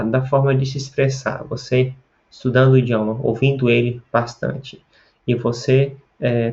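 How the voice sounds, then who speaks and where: On slightly dull, lo-fi audio, a man from Pará with a northern Brazilian accent and a medium, darkish voice presents a casual language-learning lesson to camera. He tends to ramble and repeats words for emphasis.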